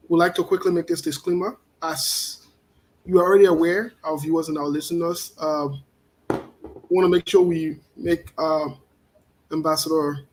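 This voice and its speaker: A man's voice: on the high side, poor audio. A man hosting an interview, speaking loosely and casually with fillers. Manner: loose, friendly, with fillers and laughs. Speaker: interview host.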